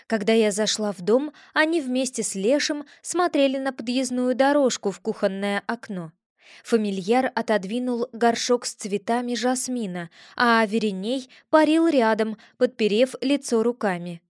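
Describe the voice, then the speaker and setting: A woman narrating a fantasy audiobook in first person, with lively, expressive storytelling. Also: a little high, normal speed, no echo, clean studio sound. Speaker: audiobook reader.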